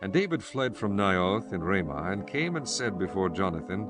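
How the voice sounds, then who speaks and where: A man's voice: low voice, very animated, moderate pace, over music. A man narrating scripture as a solemn, scripted story in archaic English prose.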